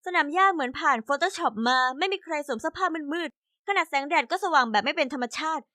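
High-voiced woman narrating an animated story. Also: fairly quick, no room sound, studio quality. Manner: chatty first-person storytelling, voices other characters.

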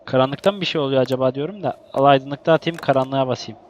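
A young man giving casual let's-play commentary, excitable, exclaiming and grumbling at the game. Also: medium pitch, quick pace, a little hiss or hum. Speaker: gaming YouTuber.

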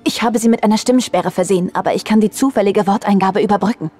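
A worried crewwoman from a sci-fi game, played by an actress, earnest and urgent. Her voice is husky and mid-pitched, with faint music underneath. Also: quick pace, warm tone, lightly acted. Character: worried, earnest female space station crew member. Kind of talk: video game voice acting.

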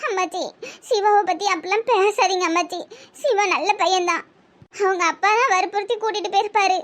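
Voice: very high-pitched, fairly quick. A voice artist playing a heartbroken, tearful young village woman with a Tirunelveli Tamil accent in a cartoon comedy. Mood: pleading. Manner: pleading, tearful, soft.

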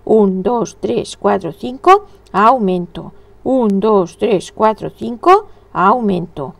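A woman's voice: medium pitch, animated, slow pace, creaky, no echo. A woman giving a casual crochet tutorial, chatting and thinking aloud as she counts stitches under her breath. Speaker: crochet instructor.

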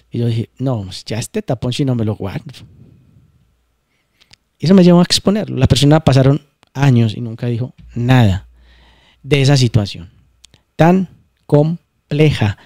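A man hosting a channel gives a casual spiritual talk, explaining emphatically and circling back to repeat his points. His medium-pitched voice is mellow, and the recording is dry with no room sound or echo.

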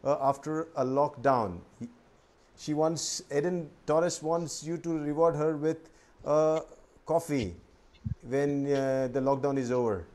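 A man's voice: fairly high pitch, steady tone, a little slow, a little mellow. A man hosting a video-call interview, reading out viewer questions with joking asides. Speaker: host. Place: indoor room with bookshelves.

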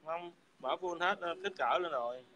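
A man's voice: on the high side, normal speed, bright, forceful tone, slight background noise. A man hurling crude, taunting insults in a heated livestream rant. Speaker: livestream speaker.

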